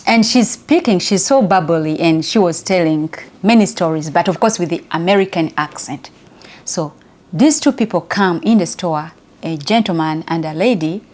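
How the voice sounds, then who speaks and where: A middle-aged woman from Uganda with a Ugandan accent, telling a personal story as an inspirational speaker, chatty and quick to laugh. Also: lowish voice. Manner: chatty, laughs often, lively.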